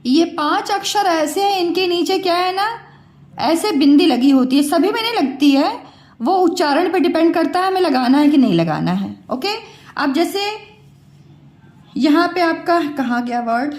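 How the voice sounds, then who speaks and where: A woman's voice: extremely high pitch, lively intonation, darkish tone. A woman teaching Hindi spelling, patiently explaining and repeating words as she questions her pupils. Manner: slow, repeats words and asks the class questions. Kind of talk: patient classroom explanation to children. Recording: echoey room.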